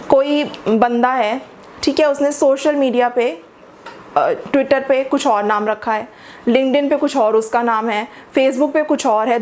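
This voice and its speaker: Woman, English teacher, high voice, patient explanations, faint background hiss. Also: darkish tone. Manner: patient, slows down to model stressed words.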